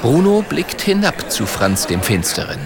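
A man narrating a children's audiobook with expressive storytelling. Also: mid-range voice, unhurried, creaky, background noise.

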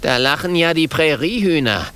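A man's voice: on the high side, lively intonation, moderate pace, fairly bright tone, smooth, pitched above the performer's own voice. A man voicing a boastful, burly trapper with a blustering manner. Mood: cocky. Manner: blustering, cocky. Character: boastful burly male trapper, cocky then cowardly.

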